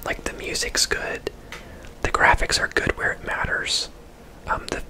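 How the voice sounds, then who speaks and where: Unhurried yet pushed and bright, the whispered voice of a video game streamer and host rambles through chatty ASMR game commentary close to the mic, slipping into asides. The recording is rough.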